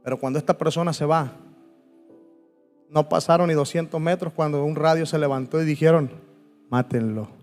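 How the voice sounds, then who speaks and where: A man giving an impassioned testimony sermon, swinging from loud pleading to hushed tones. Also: fairly high pitch, normal speed, long pauses. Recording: long hall reverb with soft music.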